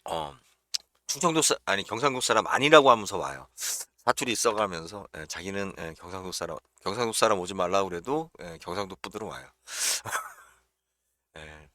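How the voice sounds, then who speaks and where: A man hosting a casual livestream, talking bluntly and chattily. His low-set voice is bright and forceful. The sound is dry and close, with no room in it. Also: expressive, moderate pace, no room sound. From Chungcheong region, South Korea. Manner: chatty, blunt, frequent filler "예" and chuckles. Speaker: real estate livestream host.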